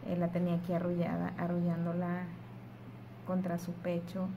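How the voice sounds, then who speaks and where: A young woman, casually telling her vlog audience about giving birth, with emotional, animated retelling and quoted dialogue. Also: fairly low pitch, normal speed, creaky, dull audio, noisy background. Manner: soft, hushed voice while holding her sleeping baby. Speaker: vlogger. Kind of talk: casual storytelling to camera.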